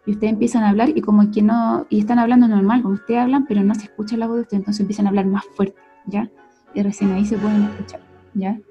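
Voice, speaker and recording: A woman's voice: mid-range voice, little pitch movement, fast, husky. A young woman with a Chilean accent, a speech therapist giving a conversational lesson who keeps checking in with her listeners. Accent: Chilean Spanish. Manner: conversational, often tags sentences with a questioning "ya?" or "cierto?". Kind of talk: explanatory lesson. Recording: dull lo-fi recording with faint music.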